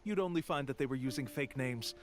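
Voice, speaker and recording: An actor playing a slick, bold con-man tour guide in a game, talking smoothly and theatrically. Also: mid-range voice, brisk, natural voice. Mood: smug. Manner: smooth, theatrical, dramatic pronouncements. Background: game music.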